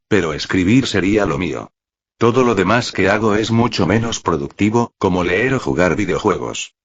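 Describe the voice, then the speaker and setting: A man narrating a first-person fan fiction story in an even, steady reading voice, with a husky tone. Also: lowish voice. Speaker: fanfic reader and narrator. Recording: dry, slightly muffled recording.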